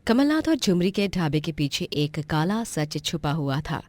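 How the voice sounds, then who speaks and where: A woman narrating a storybook cartoon in an even, dramatic telling. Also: sits low, unhurried, no room sound, clean studio sound.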